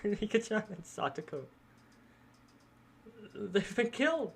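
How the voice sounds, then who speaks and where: Guy putting on a nervous young woman voice, pleading, pitched up. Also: sing-song, takes it slowly, gravelly, breathy edge, exaggerated voice.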